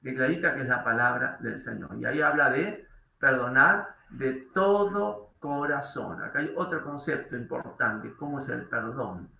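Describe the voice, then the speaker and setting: A man's voice: mid-range voice, moderate pace, creaky, pushed and bright. A man with an Argentine accent, preaching a sermon in a church hall, reading scripture aloud and explaining it, with questions to the congregation. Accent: Argentine Spanish. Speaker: pastor.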